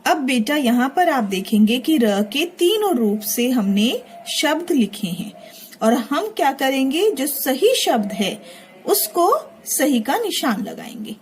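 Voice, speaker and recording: धीमे, धैर्य से समझाती एक शिक्षिका. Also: female voice, high voice, very animated, a little hiss or hum. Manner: slow, patient, repeating each word aloud. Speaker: teacher. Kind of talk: Hindi spelling lesson for children.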